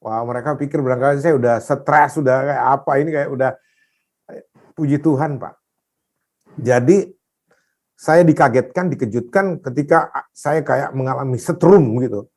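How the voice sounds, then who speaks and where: A pastor telling a dramatic personal testimony in an interview, animated, rising at times to loud prayer. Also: male voice, medium pitch, normal speed.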